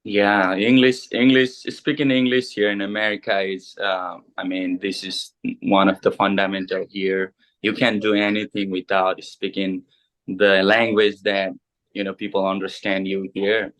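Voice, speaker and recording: A pastor in his thirties, from Bhutan and a native Nepali speaker, telling his story in an interview with many pauses, fillers and restarts. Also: low voice, little pitch movement, a bit bright. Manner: hesitant, many fillers and restarts, halting English. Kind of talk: casual interview.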